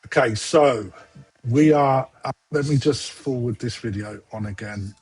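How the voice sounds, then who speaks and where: A man hosts a casual online koi auction on a livestream, chatty and a little distracted as he juggles several windows. His mid-range voice moves at a measured pace, with a darkish tone and a breathy edge.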